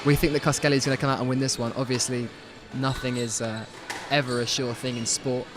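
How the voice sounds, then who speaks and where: A man's voice: mid-range voice, flat delivery, fast. A young man from England commentating on a student squash match, calling scores in an upbeat co-commentator manner. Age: young adult. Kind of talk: live sports commentary.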